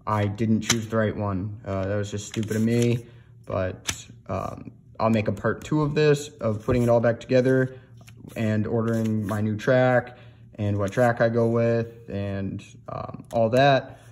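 A man's voice: lowish voice, steady tone, measured pace, darkish tone, slight background noise. Casual young man in a garage. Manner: rambling, offhand, with many fillers. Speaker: snowmobile DIY vlogger. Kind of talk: casual how-to narration while working. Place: indoor garage workshop.

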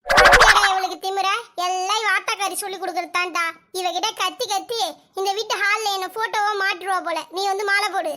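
A woman voicing a shrill nagging mother-in-law. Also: steady tone, full character voice. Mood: scolding. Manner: nagging, mocking, rapid scolding. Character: shrill bossy old mother-in-law, scolding. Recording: loud background noise.

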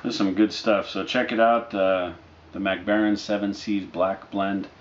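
A man in his thirties chatting casually to camera as a reviewer, in a laid-back, halting, unscripted way. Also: on the low side, flat delivery. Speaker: product reviewer. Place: living room, indoors, on a couch. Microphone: camera mic a short distance away. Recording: dull lo-fi audio with noticeable background noise.

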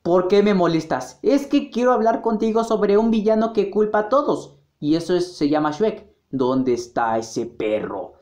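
A woman with a Mexican accent doing a crude, playful, slangy amateur parody dub of animated films. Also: medium pitch, moderate pace, hardly any pauses. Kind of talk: improvised amateur parody dub of animated film clips, all roles by one voice. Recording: roomy, echoing home recording.

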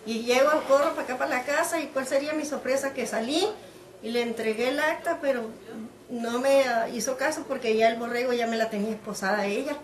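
This is a middle-aged woman from Mexico, recounting events in a lively way and slipping into the voices of the people she quotes. Her voice sits a bit high, and the recording has a noticeable room echo. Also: a little fast. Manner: animated storytelling, acting out quoted dialogue. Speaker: interviewee, mother of the detained woman. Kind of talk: emotional personal account. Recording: echoey room.

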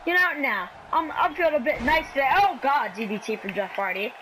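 Woman, high pitch, casual game commentary, excitable play-by-play, faint background noise. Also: fairly quick, low-quality recording. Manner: excitable, scrappy call of the action. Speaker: gamer commentating a wrestling video game.

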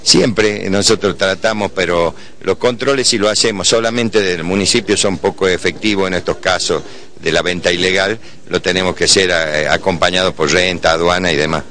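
Casting: middle-aged Argentine man, low forceful voice, city official in a street press interview, halting and measured. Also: steady tone. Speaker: municipal official answering reporters. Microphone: reporters' handheld microphones held close.

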